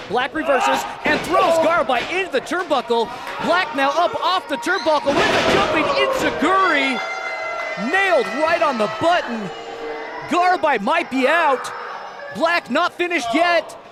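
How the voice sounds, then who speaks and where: A man giving live wrestling commentary as a booming, pumped-up announcer who often shouts. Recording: loud crowd and music behind. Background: cheering crowd, music, ring slams.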